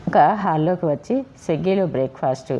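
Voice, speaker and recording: A woman narrating a story in a steady, expressive storytelling manner. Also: low voice, fast.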